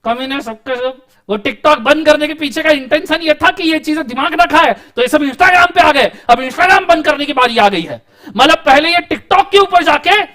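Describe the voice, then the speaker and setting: A young man lectures on law in a very high, bright-sounding voice. He teaches with jokes and theatrical asides, mocking and praising as he explains. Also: animated, normal speed. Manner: joking, theatrical teaching with mock sayings. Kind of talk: classroom lecture.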